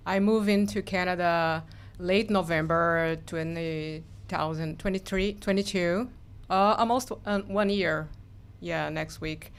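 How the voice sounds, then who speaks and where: A woman's voice: fairly low pitch, measured pace, smooth. A woman from Brazil, a student panelist, talking in a friendly, casual and slightly hesitant way.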